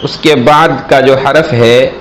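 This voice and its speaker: A man's voice: mid-range voice, steady tone, rough recording. A man teaching an alphabet reading lesson, explaining each letter and stretching the sounds out carefully. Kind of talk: slow instructional alphabet lesson.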